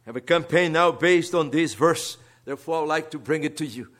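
A man from Brazil, both seminary teacher and visiting preacher, delivers a sincere sermon in a Brazilian Portuguese accent. Soft asides give way to emphatic rises, and his voice sits on the high side as he moves along briskly.

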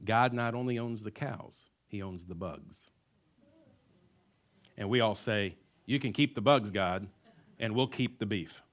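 A man's voice: on the low side, measured pace, long pauses. Folksy preaching man. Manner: folksy, humorous preaching with call-and-response. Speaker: pastor. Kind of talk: sermon. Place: church sanctuary.

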